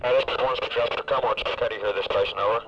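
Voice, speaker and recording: A man on a field radio breaking up, deep and hurried. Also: fairly even intonation. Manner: clipped call-sign talk, fillers before each call. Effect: radio breaking up, broken but readable. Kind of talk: military radio procedure talk. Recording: crackling lo-fi field radio with loud static.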